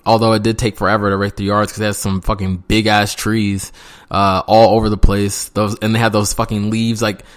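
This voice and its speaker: A man's voice: lowish voice, little pitch movement, a little fast. A young man casually telling a story from his youth, rambling with lots of fillers and frequent swearing. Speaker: vlogger.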